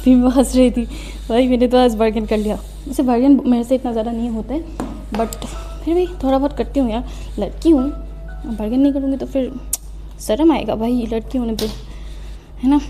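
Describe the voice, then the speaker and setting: A young adult student chats through a casual desk tour in her home study room, tidying as she goes, with soft background music. Her warm voice is fairly high and fairly even, moving a little fast with frequent pauses. She mocks herself, mixes in English phrases and is slightly out of breath.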